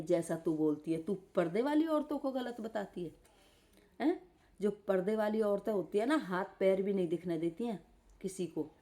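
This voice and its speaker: A woman's voice: mid-range voice, dark tone. A woman live streaming from bed, scolding and insulting someone in an angry roast rant. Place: lying in bed.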